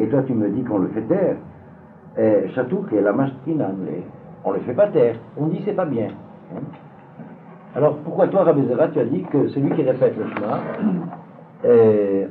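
A man teaching a Talmud seminar to a class, hesitant, with many fillers and repeated words. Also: mid-range voice. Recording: phone-like lo-fi recording with faint noise.

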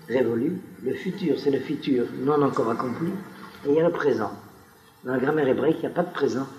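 A man's voice: mid-range voice, darkish tone. A man giving a spoken lecture to a live audience, wandering into digressions and often turning to the listeners with questions. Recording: echoey room recording.

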